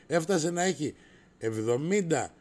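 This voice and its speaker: A man's voice: on the high side, expressive. A middle-aged man hosting a casual livestream, brash and rowdy, swearing and raising his voice as he answers viewers. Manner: raises his voice to shout.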